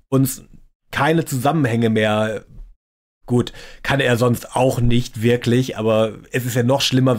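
A man hosting a reaction video, giving mocking commentary in a dry, sarcastic tone. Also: mid-range voice. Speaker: reaction channel host.

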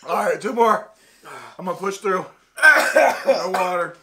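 A man's voice: sits high, a little slow, heavy background noise. A young man hosting a food challenge, strained and hiccuping after eating burning wasabi. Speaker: host of food challenge videos. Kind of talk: casual challenge vlog chat. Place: small room indoors at a table.

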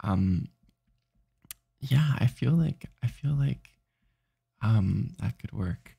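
A man's voice: medium pitch, animated, slow pace, vocal fry, dark tone, breathy edge. A sleepy man streaming late at night, rambling and restarting his sentences as he chats. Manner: rambling, self-interrupting, tired.

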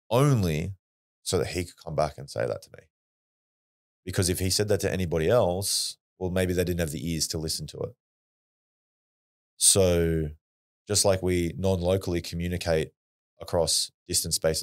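Very deep-voiced Australian man. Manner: blunt, swears freely, earnest. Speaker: podcast guest. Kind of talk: casual storytelling.

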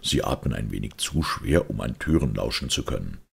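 A man voicing a calm, cutting male detective who speaks slowly and in a low, menacing tone. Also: gravelly, breathy edge, exaggerated voice. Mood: coolly menacing.

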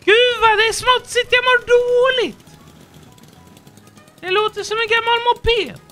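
Björne, a squeaky chatty little guy. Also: pushed and bright, soft background music. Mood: chattering. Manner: silly rambling running commentary. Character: squeaky childlike male character Björne, fussy and chatty. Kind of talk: in-character gameplay commentary.

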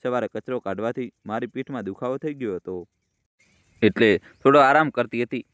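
A man's voice: mid-range voice, normal speed, a bit bright, dry recording, close to an everyday voice. A man voicing a meek, older woman who speaks in a subdued, pleading tone. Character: meek old mother-in-law, gentle and hurt.

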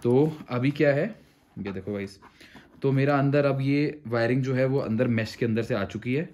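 A motorcycle gear reviewer walks through a product step by step in a casual, hands-on tutorial with a conversational vlog feel, mixing in English phrases. His voice is mid-range and darkish, at a moderate pace.

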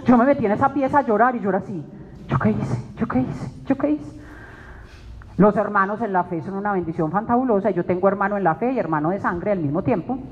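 Speaking very fast with few pauses in a mid-range voice, this woman tells her story dramatically to a faith group, acting out her own words in an emotional testimony sermon at their weekly meeting. Faint music plays behind her, and the dull recording carries the echo of a reverberant hall.

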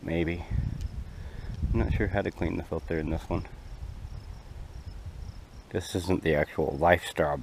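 A man chatting casually to his viewers while recording a camping vlog out in the open. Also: low voice. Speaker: outdoor camping vlogger. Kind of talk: casual outdoor vlog chat. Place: outdoors on an open rocky lakeshore. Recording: outdoor action camera, faint background noise.

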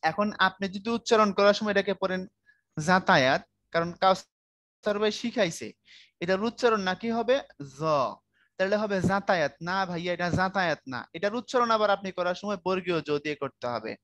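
A man's voice: high-pitched, brisk, fairly bright tone, no echo. A man teaching a Bangla writing lecture in a casual, conversational way, often checking whether his students follow. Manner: conversational, asks students if they follow, colloquial speech.

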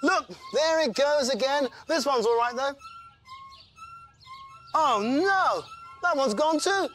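A woman voicing a clumsy, chirpy patient with floppy arms in a children's TV show, speaking in an excitable, exclamatory way. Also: sits high, takes it slowly, a little hiss or hum, heavily acted. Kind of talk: children's TV acting.

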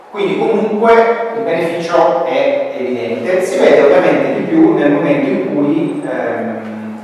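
A man in his thirties with an Italian accent talks through a technical presentation, pausing often on fillers and restarting his sentences. He is picked up from across a small room by a far mic, so his voice sounds distant, with a long, echoing tail and faint noise behind it. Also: medium pitch. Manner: hesitant, many fillers and restarts. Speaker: meetup speaker. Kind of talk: technical talk with slides. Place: small meetup room with brick walls. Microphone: far room mic, no headset. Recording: echoey room recorded from afar, faint noise.

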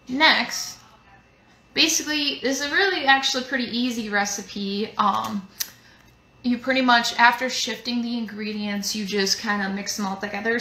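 A young adult woman with a fairly high, pushed, bright voice hosts a casual live cooking demo from her home kitchen, chatting and rambling with plenty of fillers. She's a museum cooking show host, and the recording is echoey with background noise from the kitchen.

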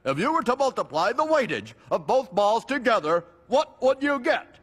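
An exasperated cartoon gym coach, barking in a high, jumpy voice. A long reverb trails after his words. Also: big pitch swings, moderate pace, fairly bright tone, breathy edge, full character voice. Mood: impatient. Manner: barking, impatient.

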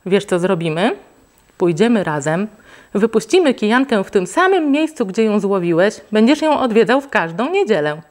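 A woman voicing a gentle, patient storybook dad, calm and even. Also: mid-range voice, normal speed, lightly acted. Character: calm, kindly father.

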